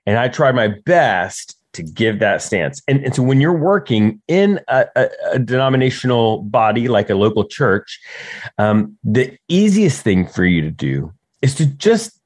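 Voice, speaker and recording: Man in ministry, talking through teaching advice; lively pitch, dry close sound, keeps asking "right?". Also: a little slow, no echo. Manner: animated, often asks "right?" to check in. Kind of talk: conversational teaching talk.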